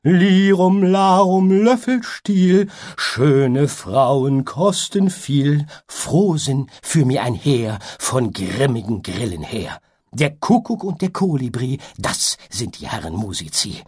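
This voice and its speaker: A man voicing a flighty male butterfly minstrel in a storybook reading, high, playful and sing-song. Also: big pitch swings, slow, slightly rough, exaggerated voice.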